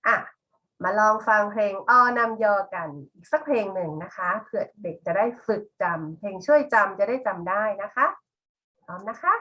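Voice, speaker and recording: A middle-aged woman teacher giving a patient, slow classroom lesson, spelling out one example word after another. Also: mid-range voice, lively intonation, sharp tone.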